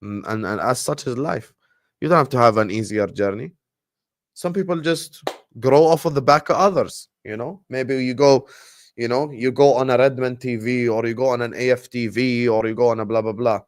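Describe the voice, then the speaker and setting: This livestream host is a man from Jordan whose first language is Arabic, and his accent shows it. He runs a watchalong in lively, casual chat, giving his viewers shout-outs, with a mid-range voice at a moderate pace.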